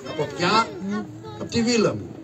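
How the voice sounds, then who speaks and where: A man's voice: high-pitched, sing-song, a crowd in the background. A man voicing Karagiozis, a scrappy poor hunchback trickster in a live shadow puppet show, brash and full of mocking curses. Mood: mocking cursing. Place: live show before an audience. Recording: distant live stage recording with audience noise.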